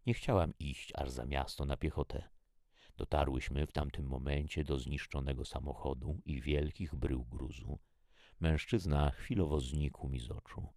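A man reading a first-person story as an audiobook in a measured, even way. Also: a bass voice, no room sound, clean studio sound. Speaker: audiobook reader.

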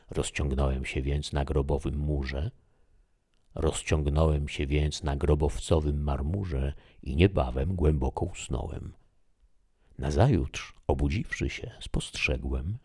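A man reading an audiobook in a measured, even scripted narration. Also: very deep voice, breathy edge. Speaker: audiobook reader.

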